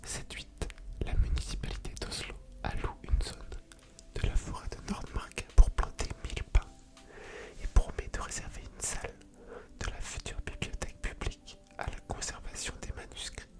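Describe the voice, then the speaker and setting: Whispering woman, soft ASMR library hush. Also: moderate pace. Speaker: ASMR video creator and host. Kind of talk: whispered ASMR reading of an article with casual commentary.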